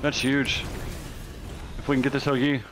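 A man's voice: mid-range voice, little pitch movement, normal speed, music in the background. A man giving combat callouts and suggesting moves to his team over video game voice chat. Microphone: voice chat over computer.

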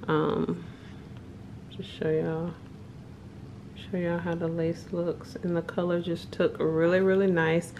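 A woman's voice: fairly low pitch, little pitch movement, slow, long pauses, background noise. A young adult woman vlogging at home, chatting enthusiastically to her viewers as she shows off a wig. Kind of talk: casual product review vlog. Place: home kitchen and living room.

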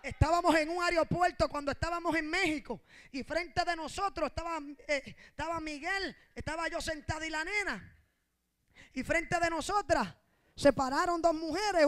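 High-pitched impassioned Puerto Rican woman preacher. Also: moderate pace. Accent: Puerto Rican Spanish. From Puerto Rico. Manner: impassioned, swings between shouting and soft asides. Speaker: pastor. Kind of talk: sermon.

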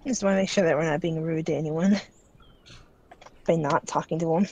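A woman's voice: sits low, fairly quick, darkish tone. A woman co-hosting a video game stream, chatting casually and offering hints, often trailing off with a loose "so". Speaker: let's play co-host. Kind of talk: casual gameplay chat.

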